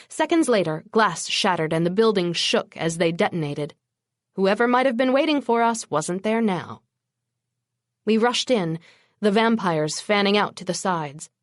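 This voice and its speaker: A woman narrating an urban fantasy audiobook in the first person, with a wry, brisk storytelling manner. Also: mid-range voice, no room sound, studio quality.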